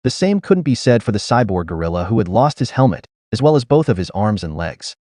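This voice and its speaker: A man narrating a fan-written story in a scripted, expressive reading. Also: lowish voice, brisk, no room sound, studio quality.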